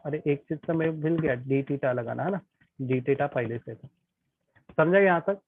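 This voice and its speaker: A man's voice: fairly high pitch, moderate pace. A male tutor teaching an online physics class, chatty and often checking that students follow. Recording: tinny phone-like online class audio.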